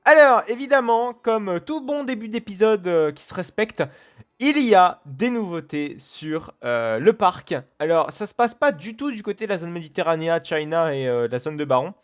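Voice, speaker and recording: Chatty man with a fairly high voice. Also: expressive, moderate pace. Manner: chatty, rambling with many fillers and restarts. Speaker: let's play host. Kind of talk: casual game commentary.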